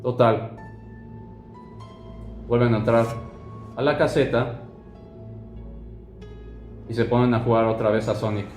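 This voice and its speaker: A man's voice: medium pitch, fairly even intonation, takes it slowly, long pauses. A young man telling a horror story in a casual, conversational way, with fillers and asides. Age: young adult. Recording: roomy echo, soft music behind.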